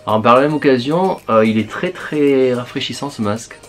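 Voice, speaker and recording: A man's voice: medium pitch, normal speed, faint music behind. A man, a beauty vlogger, chatting casually to his viewers while putting on a face mask, thinking aloud with many fillers.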